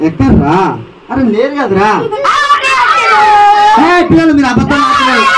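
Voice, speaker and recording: A woman hosting a church puppet show for children, calling out questions and coaxing the kids. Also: fairly high pitch. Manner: animated, coaxing, often shouting to a crowd. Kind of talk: lively call-and-response with children. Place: church hall with many children. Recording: far-off voice in a noisy crowded hall. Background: loud children's crowd and noise.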